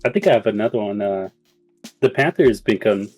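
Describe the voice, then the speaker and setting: A man's voice: fairly low pitch, animated, fairly quick, darkish tone, breathy edge, soft background music. A young man in a casual chat, laid-back and saying "dude" a lot. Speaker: co-host, cousin.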